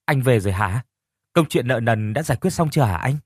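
A man's voice: mid-range voice, expressive, brisk, slightly rough, no echo. A man voicing a young village wife who fusses over her husband and exclaims at his news, in a dry audio storybook recording. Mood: questioning. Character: young village wife, anxious then overjoyed.

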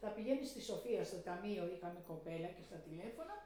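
Animated older woman telling life stories. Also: lowish voice, very echoey, a little hiss or hum. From Greece. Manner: animated, acts out the voices of people in her stories. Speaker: interviewee recounting her life. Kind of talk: oral history storytelling.

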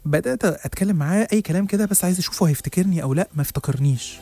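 A man with an Egyptian accent narrating a first-person horror story in a rapid, suspenseful way. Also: high voice, a little mellow. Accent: Egyptian Arabic. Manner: rapid, suspenseful, with small restarts.

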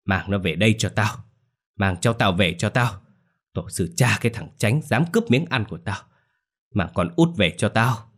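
A man's voice: low voice, a little fast. A man voicing a ravenous, foul-mouthed old grandmother who snarls and shrieks curses. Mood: furious.

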